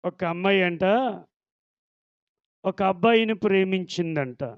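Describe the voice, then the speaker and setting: A male pastor preaching in a slow, high voice. He tells a story dramatically and acts out every part. The recording is dry and muffled. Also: dry recording. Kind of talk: storytelling sermon.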